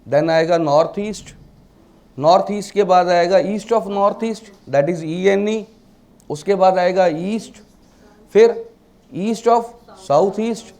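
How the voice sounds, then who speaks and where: Speaking slowly in a high, warm voice, the vastu teacher lectures his class. His Hindi mixes in English terms, and he keeps asking the students rhetorical questions.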